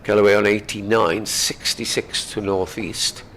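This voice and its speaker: A man with a gravelly voice giving live cricket commentary in an unhurried, conversational way. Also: on the low side, level tone, a bit bright, a little hiss or hum, low-quality recording.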